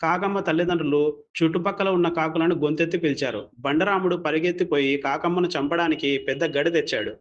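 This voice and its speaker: A man telling a folk story as scripted narration, steady and plain. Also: on the high side, brisk, lo-fi sound.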